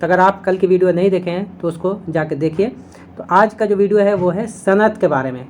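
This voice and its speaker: Woman, teacher, lower voice, step-by-step explaining, slow verse reciting, faint background noise. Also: darkish tone. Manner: explains step by step, often checking in with "theek hai". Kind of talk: exam-prep video lesson.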